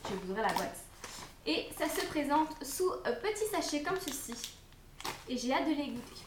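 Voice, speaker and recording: High-voiced woman unboxing food, echoey room. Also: very animated, normal speed, noisy background. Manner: chatty, hesitant with many fillers. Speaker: unboxing vlogger. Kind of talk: casual product review.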